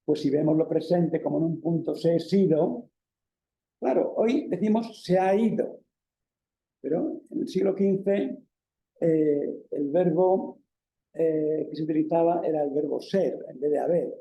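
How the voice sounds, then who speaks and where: A Peninsular Spanish-accented professor from Spain lectures in an echoey hall with a warm, creaky voice of fairly high pitch. His pace is measured, and he builds each explanation step by step with many fillers and tag questions.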